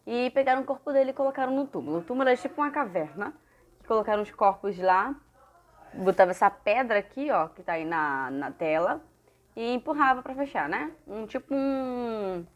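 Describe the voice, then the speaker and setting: Brazilian woman, children's Bible teacher, lively storytelling, asks the kids questions, mid pitch. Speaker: Sunday school teacher.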